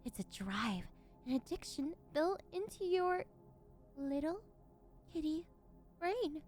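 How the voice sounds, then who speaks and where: Woman acting a high-voiced, unhinged yandere villainess, cooing and domineering. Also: very animated, slow, a little mellow, soft background music, heavily acted. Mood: teasing, controlling. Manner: cooing, teasing baby-talk turning domineering, unhinged villain. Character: possessive, gleefully unhinged yandere woman, condescending captor of catboy. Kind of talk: ASMR role-play.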